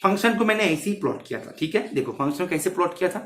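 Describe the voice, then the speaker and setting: Talking very fast in a high, expressive, fairly bright voice, a man preps students for a maths exam. He keeps checking in and repeats his phrases while explaining, all in an echoey, roomy recording.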